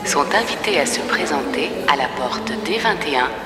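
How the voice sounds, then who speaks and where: Low-voiced woman announcing flights. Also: expressive, loud music behind the voice. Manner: measured, formal announcing. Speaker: airport announcer. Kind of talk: airport boarding announcements. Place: airport terminal. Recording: echoey airport hall with crowd.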